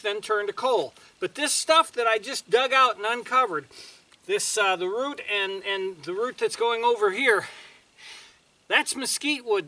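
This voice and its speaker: A man's voice: high voice, sharp tone. An older man talking casually and folksily while working outdoors on a ranch, a bit out of breath, with roosters crowing behind. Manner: rambling, folksy, restarts often. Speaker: vlogger.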